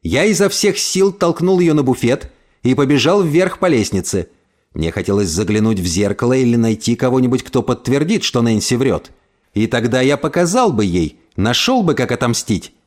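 A man reading a first-person story aloud in an expressive narration. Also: medium pitch, moderate pace. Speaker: audiobook reader.

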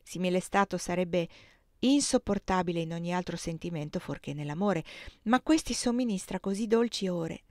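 A woman reading a classic novel aloud in a measured, literary way. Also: lowish voice, darkish tone, no echo, studio quality. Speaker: reader.

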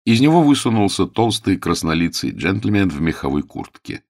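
A man narrating a story as an audiobook in a measured, expressive reading. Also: low voice, no echo, clean studio sound.

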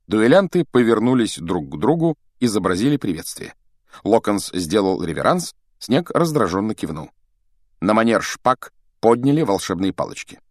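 A man's voice: on the low side, big pitch swings, moderate pace, darkish tone, no room sound, studio quality. A man narrating a fantasy novel aloud as an audiobook reader, telling the story expressively.

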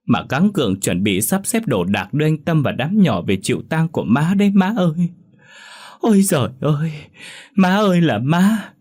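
A man's voice: big pitch swings, normal speed, a little mellow, breathy edge. A man voicing a middle-aged daughter-in-law who wails theatrically at a funeral, putting on grief. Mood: wailing. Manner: theatrical shrill wailing.

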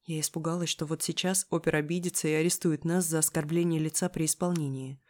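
Brief: expressive audiobook narrator, first-person story reading. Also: medium pitch, fast. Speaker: audiobook reader.

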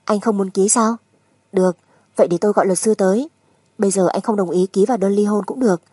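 A woman narrator plays a wife who has made up her mind in a dramatic audiobook. Her voice is mellow and slightly husky, recorded very dry. She stays composed, firm and insistent. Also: medium pitch, quick pace, no echo, close to an everyday voice. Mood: calm, resolute. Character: resolute, composed young wife demanding a divorce.

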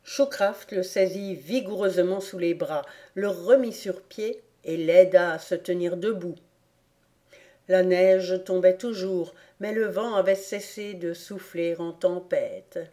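Slow, measured woman narrator. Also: on the low side, warm tone. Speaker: audiobook reader. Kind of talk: scripted narration.

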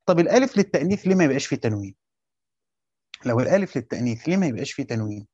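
A man with an Egyptian Arabic accent teaching a classroom lesson, quizzing his students and repeating his points slowly. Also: mid-range voice, very animated, a little mellow, husky, no room sound, highs cut off. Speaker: teacher of Quran commentary.

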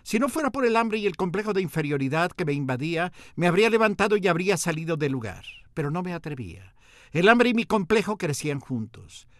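A man, a radio host telling a humorous first-person story in a lively, theatrical, self-mocking way. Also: sits high, quick pace.

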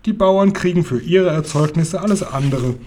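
Ein Mann, der beim Vorlesen eines Kinderbuchs eine freundliche, geduldig erklärende alte Dame spricht, mit heiserer Stimme. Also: male voice, on the high side, moderate pace, a little mellow, a little hiss or hum, lightly acted. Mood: friendly explaining. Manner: friendly, patiently explaining, occasionally stern. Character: kind, calm old lady in a car. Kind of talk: reading a children's book aloud.

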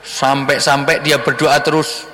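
A man preaching a sermon, telling stories in an animated way and acting out their characters. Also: mid-range voice, unhurried, slight background noise. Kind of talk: sermon storytelling. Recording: long hall reverb.

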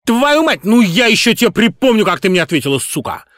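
A screechy hysterical diva singer guy, spitting insults, super loud and high, dry audiobook sound. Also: very animated, fairly quick, no room sound. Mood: shrieking rage. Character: hysterical, spiteful male pop singer, shrieking tyrant.

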